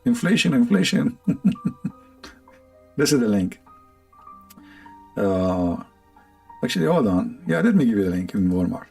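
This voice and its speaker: A low, gravelly voiced man with an Arabic accent hosts a casual stream, rambling and sarcastic, breaking into laughs. Faint music plays behind him. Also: very animated, unhurried, pauses often, warm tone. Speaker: livestream host. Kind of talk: casual joking monologue.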